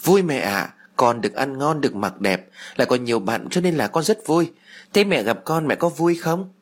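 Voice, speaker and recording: A man's voice: medium pitch, expressive, moderate pace, pitched above the performer's own voice, lightly acted. A man voicing a young ghost boy who talks sweetly but speaks of vengeance, in a raised childlike voice. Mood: cheerful.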